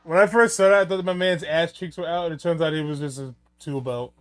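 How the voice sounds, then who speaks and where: A man's voice: a little high, quick pace, fairly bright tone, clean tone. A man giving casual, rambling and joking film commentary, with some swearing. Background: film soundtrack music.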